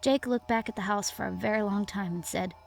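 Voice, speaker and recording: Measured woman narrating a scary story. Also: mid-range voice, gravelly. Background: faint music.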